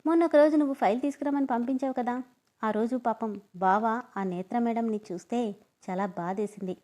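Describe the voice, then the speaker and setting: A woman's voice: a little high, fairly quick, dark tone, natural voice. A woman doing a whiny, pleading young man. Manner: pleading, indignant.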